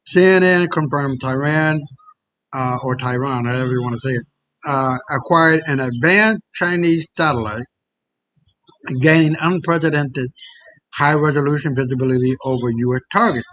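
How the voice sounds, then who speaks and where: A man's voice: a little high, normal speed, fairly bright tone, a little hiss or hum, rough recording. A man hosting a podcast in casual chat, blunt and profane, often stumbling over repeated words. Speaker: podcast host.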